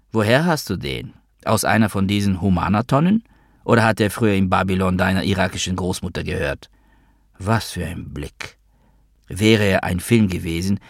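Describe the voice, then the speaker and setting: A man reading a first-person novel as an audiobook in a measured, wry way. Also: deep voice, gravelly, no echo, studio quality. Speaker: narrator.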